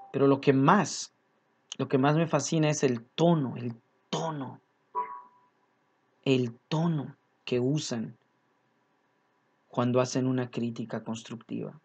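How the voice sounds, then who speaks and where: A man's voice: medium pitch, darkish tone, breathy edge. A man preaching a sermon, earnest and repeating his key phrases as he speaks to his congregation as brothers.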